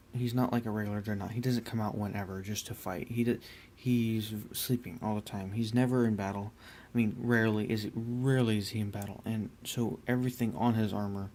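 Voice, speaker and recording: A young man talks casually at his desk, rambling and restarting his sentences. His voice sits a little low and barely moves in pitch. A faint hiss runs under it. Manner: rambling, relaxed, many fillers and restarts. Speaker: miniature painter. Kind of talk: casual hobby tutorial.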